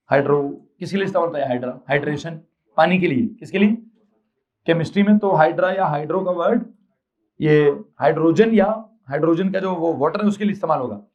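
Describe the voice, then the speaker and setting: A man from Pakistan teaching a physics class, mixing Urdu with English terms and slowly dictating notes, repeating phrases and quizzing his students. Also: a little high, muffled recording. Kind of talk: classroom lecture.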